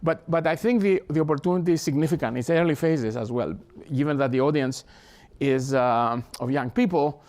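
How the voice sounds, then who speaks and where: An older Greek professor, speaking with a Greek accent, delivers an academic talk to an audience in a lecture hall. His pitch is somewhat raised and his tone darkish, and he's earnest but halting, often restarting and repeating words as he works toward his point.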